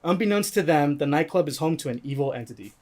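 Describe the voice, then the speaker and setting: A man's voice: a little high, expressive, quick pace, darkish tone. Guy with a slight lisp hosting chat. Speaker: podcast host running a game. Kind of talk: casual chat.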